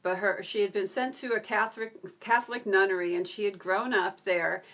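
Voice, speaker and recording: A woman's voice: medium pitch, fairly even intonation, normal speed, a bit bright. A woman telling a story in a casual live stream, chatty, breaking off to answer viewer comments. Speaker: video creator on a live stream.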